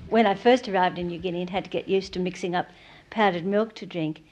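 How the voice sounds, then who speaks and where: A woman tells a personal anecdote in a lively, amused way, building up to the funny part. Her voice is plain and mid-pitched. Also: fast talker, a little hiss or hum. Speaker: interviewee. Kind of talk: anecdote in interview.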